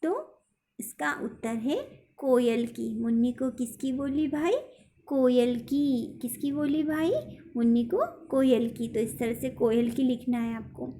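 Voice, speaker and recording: A woman teacher giving a recorded lesson to young pupils, repeating questions and reciting a poem slowly. She keeps checking with "ठीक है?". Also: a little high, mellow. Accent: Hindi. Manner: slow, repetitive, sing-song recitation with frequent "ठीक है?" checks.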